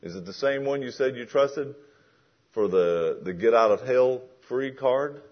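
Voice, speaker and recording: A man's voice: medium pitch, lively intonation, a little slow, highs cut off. A man preaching a sermon in a conversational way that builds to emphatic questions.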